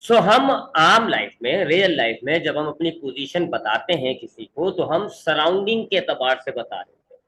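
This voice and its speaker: A man teaching a physics lesson online. He speaks slowly and deliberately, repeating points and switching between English definitions and explanation. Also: a little high, very animated, pushed and bright, rough recording. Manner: mixes English definitions into Urdu-flavored explanation, repeats for emphasis. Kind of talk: online classroom lecture.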